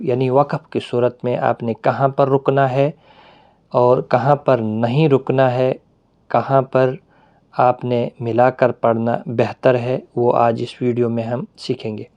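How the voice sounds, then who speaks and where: A man teaching a Quran reading lesson, explaining patiently with pauses and drawn-out fillers. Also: medium pitch, darkish tone, highs cut off.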